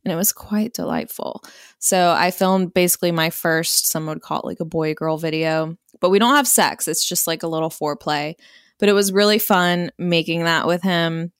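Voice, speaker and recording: A woman's voice: on the low side, moderate pace, smooth, no room sound, studio quality. A woman hosting a podcast as an adult content creator, speaking candidly in an intimate, informal style. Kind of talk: casual podcast chat, then reading an erotic message aloud.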